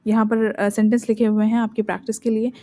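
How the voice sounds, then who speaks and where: Indian woman teaching English, mellow voice. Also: on the high side, flat delivery. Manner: slow, deliberate reading of English example sentences. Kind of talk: Hindi-language spoken English lesson.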